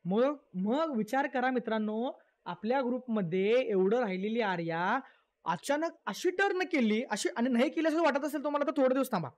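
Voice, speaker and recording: A woman's voice: a little high, expressive, fairly quick, a little mellow. A woman recapping a reality show for viewers in a chatty, scolding way, full of repeated words and rhetorical questions.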